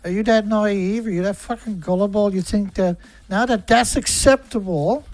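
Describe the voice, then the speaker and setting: A man's voice: high-pitched, normal speed, a little mellow, no echo, soft background music. A man hosting a livestream, delivering an angry, profane rant full of hammering rhetorical questions. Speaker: livestream host. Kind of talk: ranting livestream monologue.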